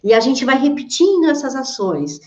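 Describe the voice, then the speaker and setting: A Brazilian woman hosting a live teaching session, talking fast and tagging her sentences with quick checks on her listeners. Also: high voice, very animated, darkish tone, roomy sound, dull audio. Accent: Brazilian Portuguese. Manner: fast talker, admits rushing her words; peppers sentences with tag questions. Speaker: host of a live coaching session for health professionals. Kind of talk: live-streamed teaching talk.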